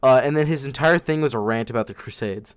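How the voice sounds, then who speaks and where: A young man co-hosting a casual podcast who tells long stories in an animated way, with lots of "like" and "uh". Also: medium pitch, quick pace, clean tone, dry recording, clean studio sound. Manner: animated storyteller, frequent fillers. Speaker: podcast co-host.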